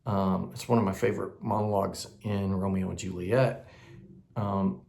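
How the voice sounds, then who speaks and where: A man's voice: low-pitched, steady tone, normal speed, gravelly, darkish tone. A man teaching audition technique in a loose, conversational way, with many fillers and tag questions. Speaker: acting coach.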